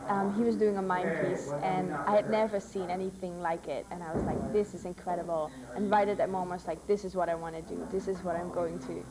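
A woman's voice: on the low side, flat delivery, fairly quick, few pauses, rough recording. Eager woman in her 20s, interview, busy backstage chatter behind. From Netherlands. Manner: eager, chatty, many fillers. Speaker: mime student. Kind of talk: casual interview. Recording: crowd noise behind.

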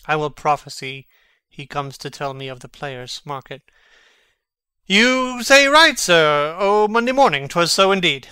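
Here a man voices a mocking, quick-witted young prince faking madness in a Shakespearean drama, fully in character and very animated yet unhurried. His highish tone is very bright, clean and smooth. The delivery is theatrical, teasing and archly sardonic, and the close-miked recording has no echo.

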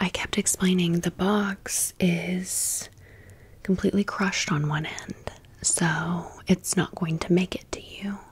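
In her ASMR storytime, this host chats casually and wanders through the story, tossing in wry asides. She speaks with a creaky voice at a fairly low pitch.

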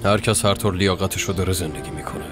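A man's voice: low voice, close to an everyday voice. A man dubbing a bitter, stubborn son in a TV drama, speaking in cold clipped lines over music. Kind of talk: dubbed TV drama. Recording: music playing under the voice.

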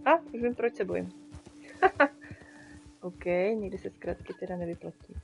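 A woman's voice: lowish voice, vocal fry, a little mellow, soft background music. A woman streaming a game live, chatting casually with her viewers and talking to the animals on screen. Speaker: streamer and graphic designer.

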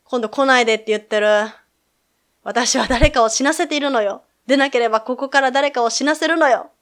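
A woman's voice: sits high, a little fast, fairly bright tone. A woman voicing a frightened young woman in a game who pleads anxiously. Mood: desperate. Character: frightened young woman haunted by her past.

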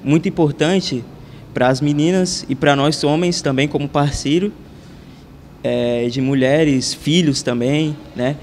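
A teenage boy, a student apprentice, answering an interview slowly into a handheld microphone. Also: a little high, a little mellow, big-room sound, slight background noise.

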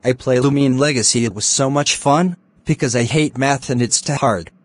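A synthetic text-to-speech male voice reading lines for animated characters, with a flat machine delivery. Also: medium pitch, moderate pace.

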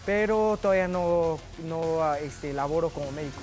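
A man's voice: on the high side, brisk, a little mellow. A man in his twenties with a Mexican accent, a fighter talking about himself in an interview. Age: 20s. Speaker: MMA fighter. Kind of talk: interview talk. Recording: music laid over interview. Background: music.

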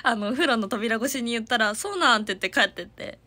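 A woman's voice: a little high, quick pace, pushed and bright. A young woman, chatting casually and giggling on a livestream from her family home, reading out viewer comments. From Hiroshima, Japan. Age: young adult. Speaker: idol livestreamer.

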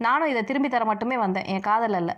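A gentle, lovesick young college man from a storybook, soft-spoken and yielding, read by a woman. The reader stays in her own fairly high voice and does not lower it for him. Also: quick pace, muffled recording, close to an everyday voice. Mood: wounded.

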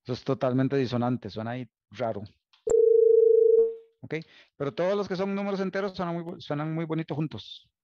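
A man's voice: fairly high pitch, a little fast, pauses often, a little mellow, dry recording, muffled recording. A man giving a university lecture, thinking aloud, restarting phrases and often checking in with "¿Ok?". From Costa Rica. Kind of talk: recorded online lecture.

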